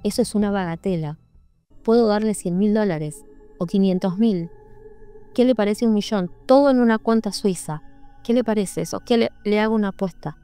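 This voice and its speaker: A woman's voice: deep voice, normal speed, creaky, warm tone, faint music behind. A woman voicing a panicked rich man who stammers and pleads for his life in a nasal whimper. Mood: frantic bargaining.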